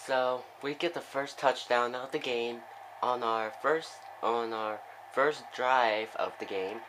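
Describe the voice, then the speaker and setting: A young man giving casual play-by-play commentary on a football video game, with excitable bursts on big plays and chatty asides. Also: medium pitch, takes it slowly, noisy background.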